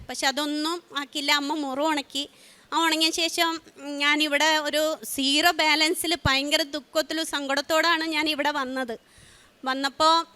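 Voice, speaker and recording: A middle-aged woman giving an emotional spoken testimony, halting often with fillers and restarts. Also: high voice, pushed and bright. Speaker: testimony giver.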